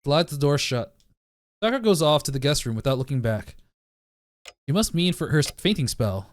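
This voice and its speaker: A man's voice: a little high, very animated, moderate pace, dry recording, studio quality. A man reading a visual novel aloud as narration, breaking off now and then to joke about it. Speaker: let's play reader.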